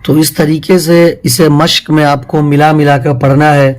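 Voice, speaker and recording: A man teaching Quran reading step by step, drawing out each syllable slowly in drills between plain explanations. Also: fairly high pitch, fairly even intonation, poor audio.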